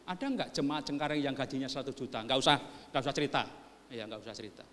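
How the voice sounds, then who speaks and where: A middle-aged man preaching a sermon, joking with the congregation and then rising into loud, urgent exhortation. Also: mid-range voice, fast. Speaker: pastor. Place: church sanctuary. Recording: long church hall reverb.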